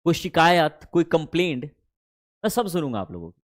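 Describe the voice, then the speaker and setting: Male teacher, higher-pitched, chatty, drills pronunciation, drawn-out lines. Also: big pitch swings. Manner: addresses students fondly as kids, mixes Hindi and English; slows down and stretches English phrases. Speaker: English teacher. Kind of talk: online spoken-English class.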